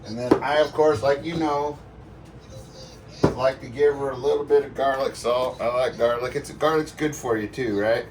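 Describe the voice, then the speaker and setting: Male home cook, medium pitch, casual folksy demo delivery, slightly distant mic, light background noise. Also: fairly even intonation, moderate pace. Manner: folksy, playful sound words and exclamations. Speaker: home cook presenting a cook-along. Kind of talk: casual cooking demonstration.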